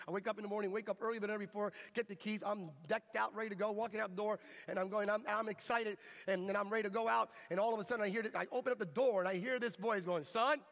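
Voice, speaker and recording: A middle-aged American man preaching a sermon, telling lively, humorous stories. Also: high-pitched. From United States. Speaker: pastor. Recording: reverberant hall.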